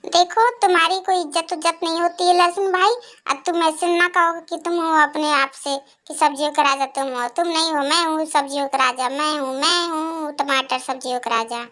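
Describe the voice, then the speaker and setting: A proud, touchy cartoon tomato. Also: male voice, very high voice, steady tone, a little fast, bright, forceful tone. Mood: indignant. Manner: indignant, demands respect, argumentative. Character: proud touchy male tomato, fallen king. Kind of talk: cartoon voice acting.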